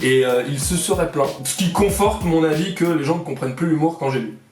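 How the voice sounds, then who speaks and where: A young man telling comic anecdotes in a vlog, animated, with lots of fillers and put-on voices. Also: on the high side, brisk. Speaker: vlogger. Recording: roomy echo, distant mic, music behind.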